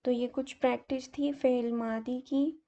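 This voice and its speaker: A woman delivers a grammar lesson at an unhurried pace, walking through each example methodically. Her voice is gravelly and mellow, a little higher than usual but held to a flat, even melody. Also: lo-fi sound. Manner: slow, methodical explaining with fillers. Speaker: teacher.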